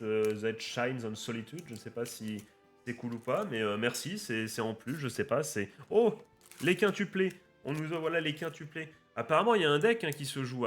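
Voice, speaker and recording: Excitable, foul-mouthed young-sounding man. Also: mid-range voice. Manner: excitable, swears often, chatty with viewers. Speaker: card-opening YouTuber. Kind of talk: casual unboxing commentary. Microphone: webcam setup at a desk.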